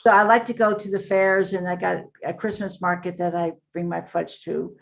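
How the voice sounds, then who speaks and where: Her voice is a little low, steady, and gravelly: an older author appearing as a podcast guest in a casual interview. She rambles earnestly through her stories, frequently stopping on filler words.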